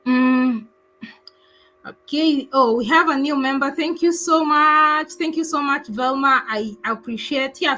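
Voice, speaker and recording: A woman's voice: a little high, fairly bright tone, slight background noise, rough recording. A woman travel vlogger chatting casually on a livestream, thanking viewers and answering their comments. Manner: chatty, thankful, laughs often, many fillers.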